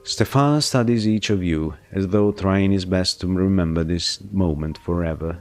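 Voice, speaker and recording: A man's voice: low-pitched, moderate pace, a little mellow, faint music behind. A man streaming, reading a narrative game aloud with his own commentary and musing over how words are pronounced. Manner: muses aloud over word pronunciation.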